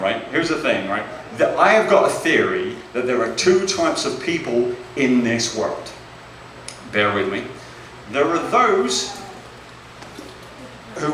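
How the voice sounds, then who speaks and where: A man's voice: on the high side, a bit bright, recorded from a distance, slight background noise. A British man doing a stand-up comedy set, chatty and self-deprecating, often checking in with "right?". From Britain. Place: comedy club stage. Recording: echoey club, mic heard from afar.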